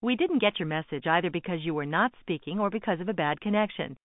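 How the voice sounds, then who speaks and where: Woman, automated voicemail prompts, even instructional delivery, over a landline phone, dry, tinny. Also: lowish voice, quick pace, no echo. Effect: heard over a landline phone. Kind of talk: recorded phone menu prompts.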